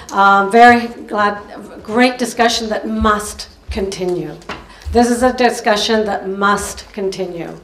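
Older woman moderating in an echoey hall. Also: mid-range voice. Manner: informal, restarts sentences while wrapping up. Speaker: panel moderator. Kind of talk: moderating a panel discussion. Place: stage of a large auditorium. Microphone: handheld mic. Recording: echoey hall, heard from a distance.

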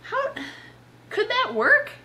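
This reptile-channel host is a young adult woman with a very high-pitched voice, and she takes her time as she talks. Sitting on the couch at home, she presents in a chatty, playful, expressive way, reading some passages aloud. Background room noise comes through clearly.

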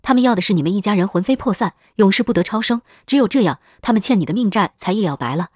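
A cold, mocking soul-catcher from the underworld, read by a woman storyteller. He gives curt, scornful commands at a fast pace. The storybook voice is close and dry. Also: medium pitch, lively intonation, darkish tone, slightly rough, dry recording. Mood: grave.

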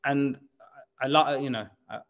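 Man, thirties, rambling chatty guest, mid pitch, slightly muffled video call sound. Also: fairly even intonation, unhurried. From England. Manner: rambling, self-interrupting, laughs often. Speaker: bakery managing director, guest. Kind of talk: casual interview chat. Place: room at home.

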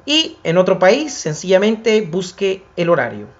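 A high-voiced man, a preacher who hosts a program, gives a theatrical sermon with big pitch swings, shifting from emphatic outbursts to soft, lingering near-whispers. He calls the audience brothers and builds long lists through repetition. The recording's highs are cut off.

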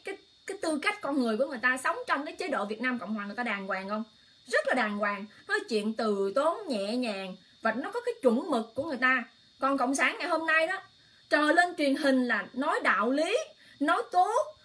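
A woman's voice: high voice, a bit bright. A woman hosting an emotional political livestream, exclaiming often and speaking straight to her viewers in a heated, impassioned way. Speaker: online livestream host.

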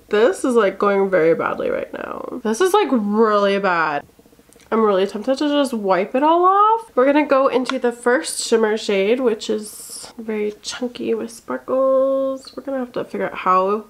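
A woman doing a makeup tutorial in a chatty, self-deprecating, exasperated way, often dropping to a mutter. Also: on the high side. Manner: drops to muttering and near-whispers while working. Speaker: beauty vlogger.

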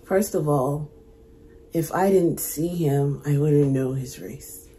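A woman hosting a music reaction video, talking in an earnest, reflective way with halting restarts, emotional and choked up. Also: sits low, dark tone. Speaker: music reaction channel host. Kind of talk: casual reaction commentary.

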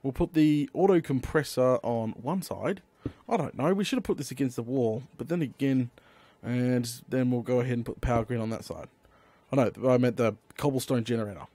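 A man giving chatty, excitable Let's Play commentary, talking to himself as he builds and bursting into eager exclamations. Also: medium pitch, no room sound. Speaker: gaming YouTuber.

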